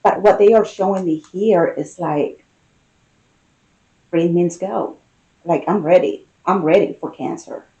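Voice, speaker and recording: A woman giving an unscripted, intimate tarot card reading, musing aloud with pauses and repeated phrases. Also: fairly low pitch, dark tone, muffled recording.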